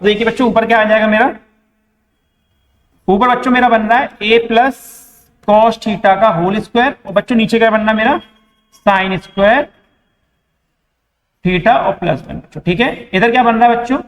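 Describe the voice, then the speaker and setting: This young math teacher, who has an Indian accent, leads a board-exam lesson by asking the class questions and supplying the answers himself. He speaks at a moderate pace in a voice that sits high, pausing often. The sound is dull, with the long reverb of an echoey room.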